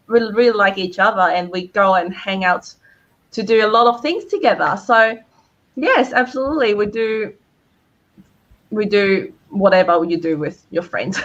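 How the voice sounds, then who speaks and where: A woman's voice: mid-range voice, fairly bright tone. A woman answering audience questions as a guest speaker on a live stream, cheerful, laughing often and using many fillers. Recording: dull lo-fi stream audio.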